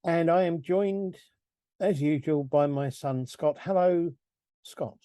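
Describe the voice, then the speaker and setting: A middle-aged man hosts a casual film review podcast, rambling and chuckling as he corrects himself. His voice sits a little high and sounds mellow. It is recorded close on a dry mic. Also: takes it slowly, no echo. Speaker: podcast host.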